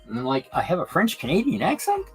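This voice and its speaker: Working on his model layout during a live stream, a man chats casually and haltingly about his hobby, with plenty of fillers and restarts. He sounds a little high and slightly rough, over poor-quality audio.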